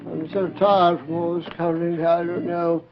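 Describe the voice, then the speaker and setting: An actor playing a weary, muddled, slow-witted man counting votes in a 1950s children's television comedy, hesitant and rambling. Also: a little high, flat delivery, crowd noise, natural voice. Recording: dull vintage TV recording with music.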